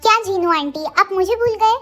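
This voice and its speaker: A woman voicing a sweet, shy young woman in a Hindi fan audio story, soft and polite. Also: very high-pitched, normal speed, faint music behind.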